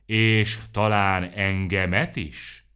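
A man voicing a hot-headed, dramatic rabbit who shouts theatrically in a storybook reading. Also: medium pitch, voice pushed up.

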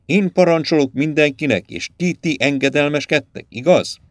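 A man playing a shrill, spoiled young prince. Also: dry recording, clean studio sound, close to an everyday voice. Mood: eager. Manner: whiny, demanding, shrill outbursts. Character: cruel, petulant young prince, mad for power.

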